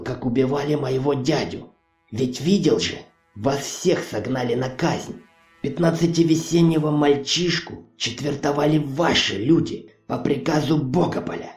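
A man voicing a vengeful young male healer with low, hushed intensity, on a muffled, roomy recording. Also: animated, measured pace. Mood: accusing. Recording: muffled distant roomy recording, faint music.

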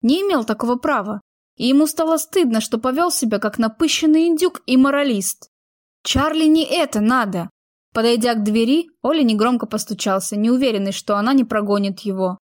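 High-voiced woman reading a romance story. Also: fairly quick, no echo, studio quality. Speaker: narrator. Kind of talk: audiobook narration of a romance story.

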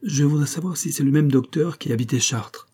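A man's voice: fairly high pitch, fairly quick, slightly rough, pitched above the performer's own voice. Rose, a resolute young wife, read by a man. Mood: controlled. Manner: controlled, calm pretense.

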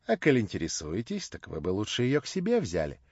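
A meek, kind neighbour woman answers quietly and reluctantly, voiced by a man narrating the book. The recording is dry and a little dull. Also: on the low side, wildly swooping pitch, a little fast, slightly rough, dry recording, heavily acted. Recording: slightly dull lo-fi audio.

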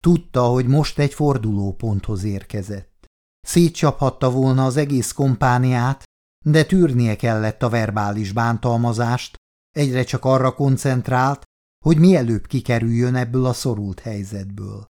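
A man narrating an audiobook in a steady, measured reading voice. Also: medium pitch. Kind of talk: scripted narration.

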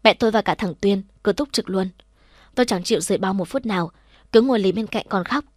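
A woman reading a first-person audiobook story in a soft, subdued way. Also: mid-range voice, brisk, no echo, clean studio sound. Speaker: audiobook narrator.

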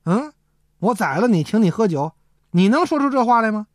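A woman voicing a dismissive royal prince who scolds in a lowered tone. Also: big pitch swings, brisk, no echo, studio quality.

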